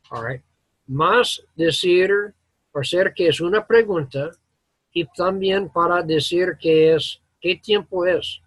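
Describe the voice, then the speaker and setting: Un hombre que enseña gramática inglesa en una clase, con explicaciones lentas y entrecortadas, mezclando palabras en inglés. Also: male voice, fairly high pitch, husky, no room sound. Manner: slow, halting explanations mixing English words into Spanish. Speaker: English teacher. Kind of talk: classroom grammar lesson. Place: classroom.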